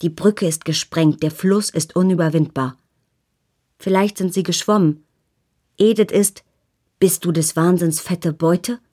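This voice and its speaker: A woman's voice: lowish voice, normal speed, mellow, close to an everyday voice. A woman voicing an agitated, threatening man in an audiobook reading. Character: bitter grieving middle-aged man, menacing.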